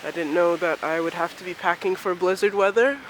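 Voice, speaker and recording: A woman's voice: on the low side, fairly even intonation, a little fast. A chatty woman from Maryland vlogs to a handheld camera as she trudges along a snowy street. She rambles in a self-mocking way and sounds a little out of breath. Faint traffic hums behind her. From Maryland, USA. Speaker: vlogger. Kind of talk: casual walking vlog. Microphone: handheld camera while walking.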